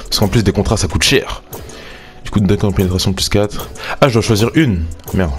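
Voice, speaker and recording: A young man casually commenting on a sports video game, thinking aloud and getting excited over pack openings. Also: lowish voice, moderate pace, faint music behind. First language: French. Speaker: gaming YouTuber.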